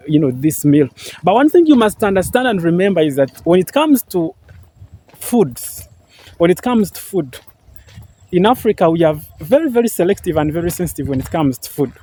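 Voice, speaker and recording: A little high in pitch yet dark in tone, a young Ugandan man with a Ugandan English accent vlogs casually while strolling through green farmland. He repeats himself often, uses many fillers, and earnestly thanks viewers over and over.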